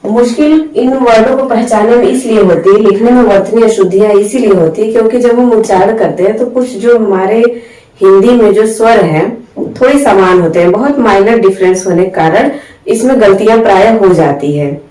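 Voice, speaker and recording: A woman teaching Hindi spelling rules, slowly drawing out each example word and mixing English words into her Hindi. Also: medium pitch, warm tone, echoey room, far from the mic, low-quality recording. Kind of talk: spelling lesson.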